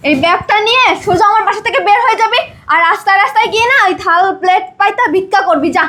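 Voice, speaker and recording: A woman's voice: extremely high pitch, racing, bright, forceful tone. A woman playing a cruel, bossy young daughter-in-law, scornful and ordering. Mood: domineering.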